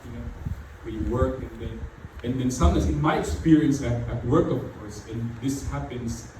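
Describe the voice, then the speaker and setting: At normal speed and with a dark tone, a middle-aged man preaches a sermon as pastor in a mid-range voice, his English non-native. Phrases get repeated and "you know" crops up frequently. Captured from a distance in a very echoey church hall, with background noise.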